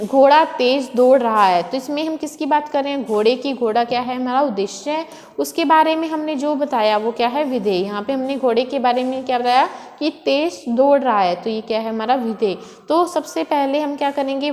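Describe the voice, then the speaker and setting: A woman's voice: sits high, darkish tone. A woman teacher explaining a lesson step by step, asking questions and answering them herself. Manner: asks and answers her own questions. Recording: echoey room with long reverb.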